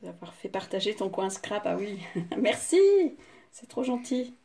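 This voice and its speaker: Gushing older woman with a gravelly voice. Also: medium pitch, unhurried, darkish tone. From France. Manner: gushing, chatty, exclaiming. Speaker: craft channel host. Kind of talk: casual unboxing chat. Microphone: phone.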